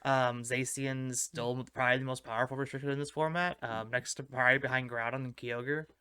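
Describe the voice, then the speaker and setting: A man's voice: mid-range voice, brisk, clean tone, no room sound. Brief: male podcast co-host, laid-back explainer, clean resonant tone, dry sound. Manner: relaxed, explains strategy at length with fillers. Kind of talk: casual gaming podcast chat.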